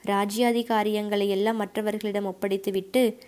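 Woman narrating a long historical story, mellow warm voice, calm and measured. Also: medium pitch, smooth. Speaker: audiobook narrator. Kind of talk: scripted narration of a historical novel.

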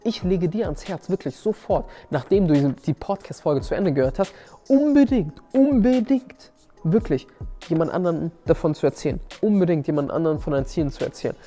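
A man's voice: a little high, fast, warm tone, faint music behind. A man hosting a motivational podcast, speaking emphatically and often repeating and restarting his phrases. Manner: emphatic, repeats key words, frequent restarts. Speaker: podcast host and seminar coach.

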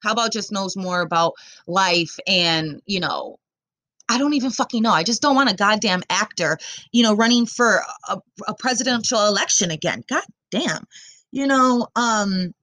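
A woman's voice: medium pitch, normal speed, pushed and bright, dry recording. A young woman doing casual opinion commentary, blunt and profane, rambling with lots of fillers.

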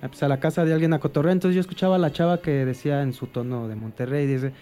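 A man on a podcast, telling rambling stories that make fun of himself. His voice is high and mellow, with a dark tone. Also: fairly even intonation, fast. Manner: rambling, self-mocking. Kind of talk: casual podcast storytelling.

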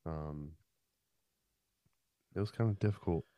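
A man with a deep, low voice chatting casually and informally as a podcast co-host. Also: measured pace, dry recording, lo-fi sound. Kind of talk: casual chat.

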